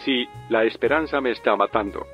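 Despairing 60s male caller, metallic robotic voice, played by a man; deadpan, muffled lo-fi line. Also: medium pitch, a little fast, soft background music. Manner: flat, bitter deadpan complaints. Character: gloomy hopeless older male radio caller.

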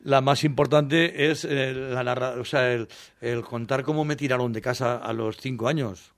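A man's voice: medium pitch, steady tone, moderate pace, dry recording. A Spanish man in his sixties from Valencia, a singer telling childhood stories in an interview, rambling and laughing as he acts out voices. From Valencia, Spain.

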